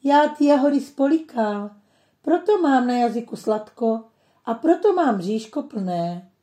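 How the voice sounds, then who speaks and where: A woman doing a yappy excited little puppy. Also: on the high side, echoey room, pitched above the performer's own voice, lightly acted. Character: small playful greedy male puppy.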